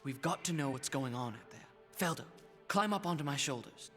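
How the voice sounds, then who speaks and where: An actor playing a brave, concerned captive animal leader in a cartoon, urgent and earnest. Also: male voice, medium pitch, lively intonation, brisk, a bit bright, soft background music, close to an everyday voice. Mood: urgent, determined.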